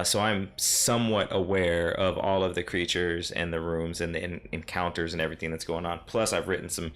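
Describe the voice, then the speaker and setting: A man's voice: deep voice, bright, forceful tone. A man serving as game master, casually recapping a tabletop session in a rambling, self-correcting way.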